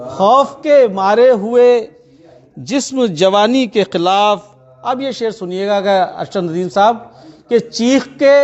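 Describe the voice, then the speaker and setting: A man reciting ghazal couplets as a poet at a gathering, declaiming each line deliberately and repeating it for his listeners. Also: high-pitched, a little mellow, lo-fi sound.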